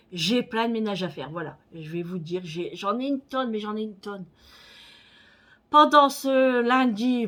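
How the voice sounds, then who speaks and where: A woman in her forties, chatting casually on her vlog, rambling with many fillers and a slightly stuffy nose. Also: medium pitch. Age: 40s. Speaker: vlogger. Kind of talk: casual chat.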